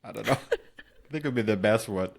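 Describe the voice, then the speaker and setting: Laid-back Brazilian man with low voice. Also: lively intonation, fairly quick, gravelly. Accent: Brazilian Portuguese. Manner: laughs often, easygoing. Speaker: guest actor. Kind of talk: casual interview chat.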